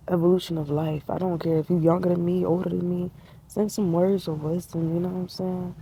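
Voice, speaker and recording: Woman, twenties, casual reflective vlog chat, mellow dark tone, slangy and spiritual, outdoors in a tree. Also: on the low side, a little hiss or hum, poor audio. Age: 20s. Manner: laid-back, spiritual, slangy, laughs often. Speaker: vlogger.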